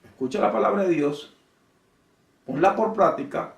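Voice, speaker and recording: A man preaching a sermon in a slightly raised voice, heard from a bit away in a reverberant church hall. He swings from emphatic swells to quiet, low asides and keeps calling on his brothers and sisters. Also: normal speed, vocal fry, far from the mic. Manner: preaching with rising, emphatic swells and sudden drops; addresses congregation as brothers and sisters. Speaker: pastor.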